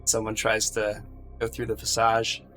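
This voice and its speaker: A man playing a tabletop game casually, often pausing and searching for words. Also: lowish voice, completely flat delivery, fairly bright tone, soft background music. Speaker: player.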